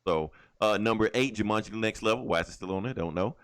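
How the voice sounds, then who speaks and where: On a podcast, a male co-host with a lowish, smooth, slightly bright voice talks fast. He chats about movies casually and bluntly, swearing a lot and staying irreverent throughout.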